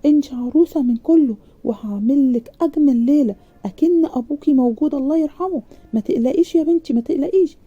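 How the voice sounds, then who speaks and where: A kindly older father with an Egyptian accent, brushing aside every objection in a quick, insistent voice, as a woman narrator puts him on. The voice is dark and mellow, and the recording sounds dull. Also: high voice, pitched above the performer's own voice, lightly acted. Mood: reassuring. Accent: Egyptian Arabic.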